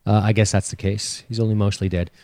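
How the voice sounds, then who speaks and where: A man co-hosting a casual podcast chat, animated and joking, swearing freely. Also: lowish voice, fast, dry recording. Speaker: podcast co-host. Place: home studio.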